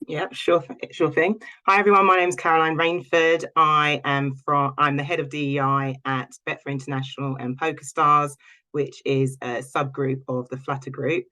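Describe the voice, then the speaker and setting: Woman corporate panelist, bright crisp-edged voice, conversational introduction. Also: low-pitched, level tone, normal speed. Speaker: panelist, corporate diversity lead.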